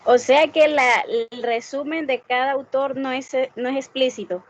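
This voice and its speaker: A woman's voice: high voice, steady tone, unhurried, highs cut off. A female student asking her teacher a tentative question during an online class.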